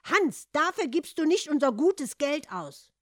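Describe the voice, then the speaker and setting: A woman's voice: very animated, measured pace, no echo, clean studio sound. A woman voicing an indignant, horrified peasant mother who scolds her son in a read-aloud fairy tale. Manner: shrill, indignant.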